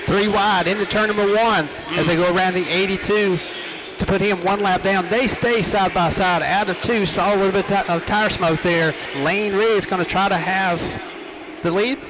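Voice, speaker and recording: A man's voice: high-pitched, steady tone, normal speed. An American man giving live commentary on a stock car race. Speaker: motorsport commentator. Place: outdoor speedway broadcast. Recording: loud outdoor racetrack engine noise. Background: race cars and outdoor ambience.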